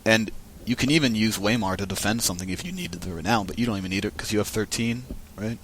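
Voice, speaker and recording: A man's voice: lowish voice, fast talker, fairly bright tone, a little hiss or hum. A man giving casual, chatty commentary on a card game match, thinking aloud as he goes.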